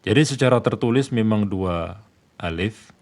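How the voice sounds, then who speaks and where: A man's voice: on the low side, moderate pace, darkish tone. A man teaching a tajwid lesson, patiently repeating each point and posing and answering his own questions. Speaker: Quran recitation teacher.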